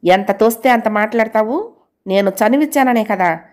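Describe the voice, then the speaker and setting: A woman's voice: fairly high pitch, normal speed, darkish tone, close to an everyday voice. A woman voicing a spiteful, boastful male office colleague in an audio novel. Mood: sneering. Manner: sneering, irritable.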